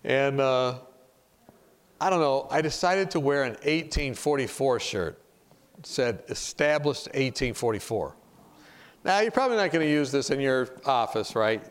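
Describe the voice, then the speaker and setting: A man preaching in a conversational, animated way, telling a personal story to his audience. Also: medium pitch, normal speed, smooth. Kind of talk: storytelling sermon.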